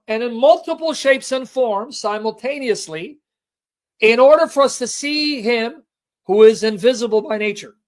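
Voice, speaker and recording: Guy teaching a bible study, punches his words, keeps asking okay? right?. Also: very high voice. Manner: emphatic, repeats points and checks in with listeners.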